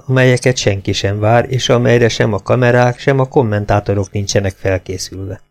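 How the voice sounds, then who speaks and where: A male narrator reads an audiobook at an even, measured pace. His voice sits in the middle of the male range, with a distinctly gravelly, creaky texture. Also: mid-range voice. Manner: steady, measured reading.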